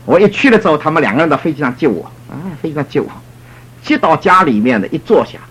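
A middle-aged man, a church elder, telling a story in a sermon in an animated way and acting out the people he quotes. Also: a little high, fast, breathy edge. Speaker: church elder giving a talk.

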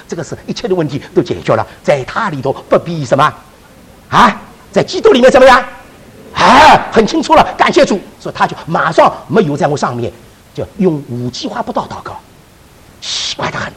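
A man preacher telling a testimony in a sermon, with animated storytelling and frequent restarts. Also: on the high side, fast talker, breathy edge, rough recording.

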